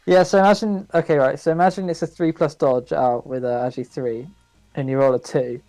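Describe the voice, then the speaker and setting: Guy cohosting a game podcast, kinda gravelly and dark-toned, dry close mic. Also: a little high, fairly even intonation, no room sound, soft background music, low-quality recording. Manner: quick, chatty, laughs easily. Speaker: podcast co-host. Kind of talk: casual chat about a board game.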